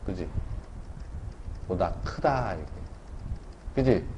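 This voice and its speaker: A man's voice: medium pitch, warm tone. A man teaching a math lesson in a casual way, often checking in with students as he explains. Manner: casual, keeps checking in with the class with tag questions. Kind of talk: classroom math lecture. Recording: dull lo-fi classroom recording with faint noise.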